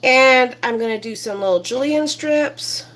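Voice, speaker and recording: A slightly high-voiced woman walks through a recipe in her home kitchen. She talks in a chatty, rambling way with plenty of fillers as she hosts her own cooking show. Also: unhurried, a bit bright. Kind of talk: casual cooking demonstration.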